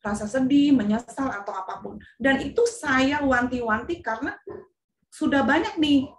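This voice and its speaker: A woman's voice: sits high, moderate pace, far from the mic, a little hiss or hum. A woman, a parent guest, earnestly telling a heartfelt personal story in a webinar. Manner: earnest, heartfelt, animated retelling. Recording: echoey room.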